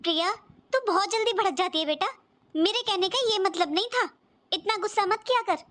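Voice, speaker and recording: A woman's voice: extremely high pitch, fairly quick, fairly bright tone, a little hiss or hum. A woman voicing a worried mother in a cartoon who lectures her married daughter about duty. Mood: firm. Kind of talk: cartoon voice acting.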